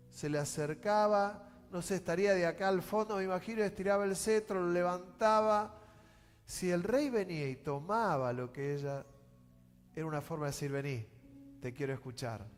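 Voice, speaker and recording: A pastor with a Rioplatense Spanish accent preaching a sermon, swinging from loud outbursts to hushed, slow pleading. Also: male voice, fairly high pitch. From Argentina. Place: church sanctuary. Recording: church hall reverb with music.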